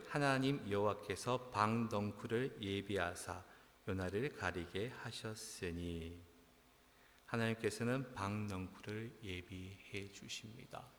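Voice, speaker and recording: A middle-aged man preaching a sermon as pastor, animated, acting out dialogue with sudden loud outbursts. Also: lowish voice. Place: church sanctuary. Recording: long hall reverb.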